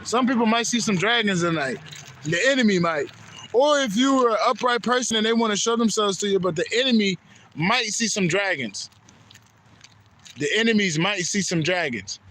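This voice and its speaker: A man's voice: sits high, a bit bright, a little hiss or hum. A man from Haiti giving a rambling, profane spiritual monologue that repeats itself. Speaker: spiritual vlogger.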